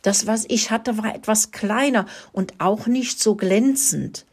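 A woman's voice: mid-range voice, a little slow, voice pushed up. Woman voicing a timid trembling forest critter. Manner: timid, breathy. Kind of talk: storybook reading.

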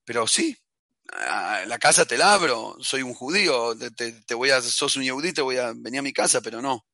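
A man voicing a poor, apologetic village host, speaking softly. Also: mid-range voice, expressive, normal speed, creaky, no room sound, clean studio sound.

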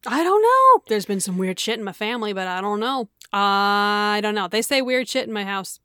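A woman's voice: medium pitch, fairly even intonation, moderate pace, a bit bright, clear, resonant tone, no echo, studio quality. A woman co-hosting a casual podcast chat, who laughs often, swears freely and acts out the voices of people she quotes. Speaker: podcast co-host.

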